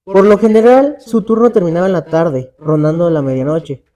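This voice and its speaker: A man, co-hosting and telling a horror story in a dramatic, measured way. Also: sits high, dark tone. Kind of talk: storytelling narration in casual talk.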